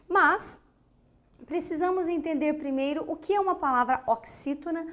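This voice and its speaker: A woman's voice: high-pitched, normal speed, fairly bright tone. A woman teaching a grammar lesson, patiently repeating key words and asking and answering her own questions.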